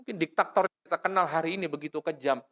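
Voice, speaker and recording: A man's voice: a little high, fast, fairly bright tone. A man from Indonesia giving a storytelling lecture in a mosque, often checking in with his listeners with "ya" and "Pak". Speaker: preacher.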